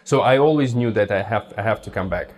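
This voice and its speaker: Halting man, low voice. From Russia. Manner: halting, searches for words, frequent restarts. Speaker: patient interviewee. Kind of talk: casual interview answers.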